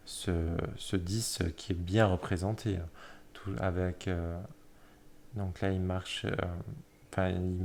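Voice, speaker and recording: Hesitant low-voiced man showing tarot cards. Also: slight background noise. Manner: hesitant, many fillers and self-corrections; admiring, soft-spoken commentary. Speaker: tarot deck reviewer. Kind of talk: casual deck flip-through.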